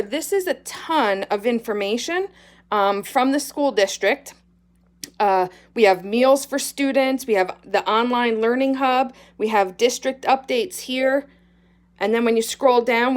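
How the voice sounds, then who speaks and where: A woman speaking as a school principal, giving an earnest, upbeat morning address to children and their families. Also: on the high side. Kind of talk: morning announcement video address to pupils and parents.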